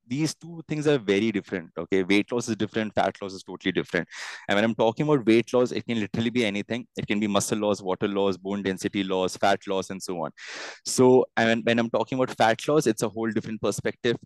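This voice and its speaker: An interview guest with an Indian accent, a fitness entrepreneur and coach who grew up in Bangalore and Bombay, answers earnestly and emphatically, often repeating phrases for stress. His voice is fairly low and quick, and the recording is rough with no room sound.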